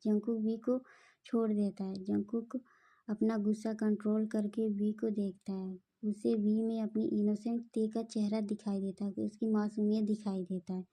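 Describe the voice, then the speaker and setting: A woman storyteller reading a fan fiction love story aloud in a plain, steady way. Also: mid-range voice, a little slow, breathy edge.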